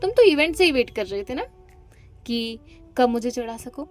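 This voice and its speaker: A hot-tempered young woman, jealous and sharp-tongued, snapping quick sarcastic comebacks, as a female storyteller plays her. Her voice rides a little high, over faint background music. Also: expressive, close to an everyday voice. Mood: angry, sarcastic. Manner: angry, rapid, sarcastic retorts.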